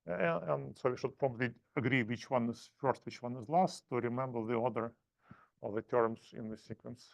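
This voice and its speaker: A man giving a math seminar lecture, explaining in halting, self-correcting phrases. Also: mid-range voice, gravelly, dry recording.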